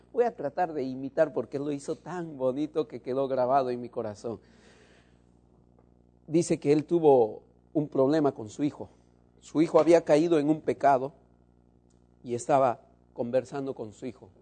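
A man preaching a sermon to his congregation, shifting between loud emphasis and soft, low asides.

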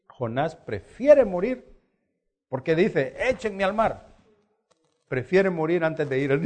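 Animated male preacher, higher voice. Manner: animated storytelling with acted quotes. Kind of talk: sermon.

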